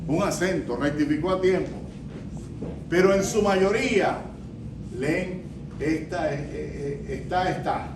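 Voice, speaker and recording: A man's voice: on the high side, unhurried, long pauses. Preacher questioning his congregation, echoey church. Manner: asks the congregation questions, repeats answers. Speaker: pastor. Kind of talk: interactive sermon with congregation reading. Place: church during an evening vigil. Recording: echoey church, distant mic, background noise.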